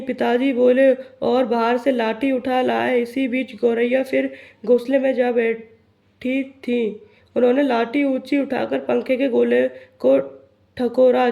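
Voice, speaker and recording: A woman teacher reads a school story aloud, then explains every sentence again in plainer words. Her voice is mellow and low-toned, with a gravelly fry, and it rings in an echoey room. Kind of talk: reading and explaining a textbook lesson.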